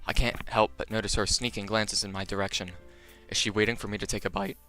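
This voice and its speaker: A man's voice: lowish voice, fast talker, faint music behind. A young man reading a visual novel aloud on a live stream, joking with his chat between lines. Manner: animated, jokey, chatting to viewers between lines.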